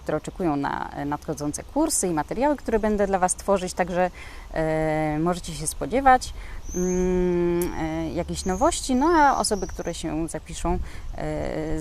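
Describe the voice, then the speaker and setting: A woman's voice: deep voice, creaky, darkish tone, a little hiss or hum. A woman from Poland teaching a casual spoken language lesson, talking hesitantly with many filler sounds.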